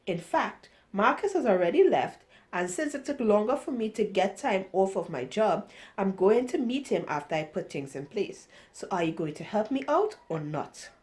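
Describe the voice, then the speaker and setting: A woman reading the lines of a composed young woman pressing her sister for a favor, in a measured, persuasive way. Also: medium pitch, big pitch swings, darkish tone, natural voice.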